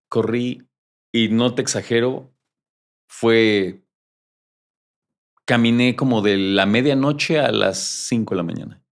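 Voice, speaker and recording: Man telling an animated story. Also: fairly low pitch. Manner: animated, acts out quoted dialogue. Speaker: journalist guest. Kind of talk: casual interview storytelling.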